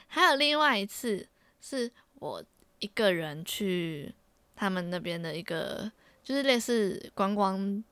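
A young woman tells everyday stories on a podcast, her bright voice rising and falling freely. She laughs often and restarts her sentences as she goes. The sound is dry and close. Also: medium pitch, no room sound. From Taiwan. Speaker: podcast co-host. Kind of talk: casual storytelling chat.

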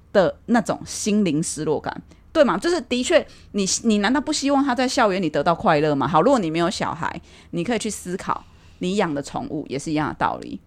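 A young woman, co-hosting a casual chat, laughing often and explaining with examples. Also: lowish voice. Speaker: podcast co-host.

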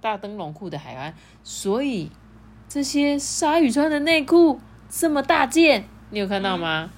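Playful mom reading a story aloud. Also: female voice, fairly high pitch, unhurried. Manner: playful and animated, asks the child questions. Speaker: mother reading to her child.

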